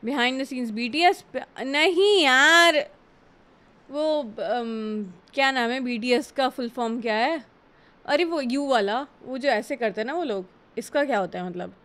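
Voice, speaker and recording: A woman's voice: high-pitched, slow, fairly bright tone. A woman with an Indian accent chatting casually on a live stream, greeting and answering her viewers while switching between Hindi and English, in a room at home with a fan running.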